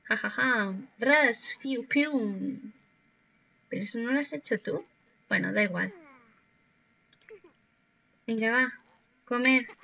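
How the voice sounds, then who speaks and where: Woman, from Spain, gameplay commentary, chatty with characters, bright voice, unhurried, dull recording. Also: fairly high pitch. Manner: chatty, talks to her game characters. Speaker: gaming YouTuber. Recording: dull lo-fi sound.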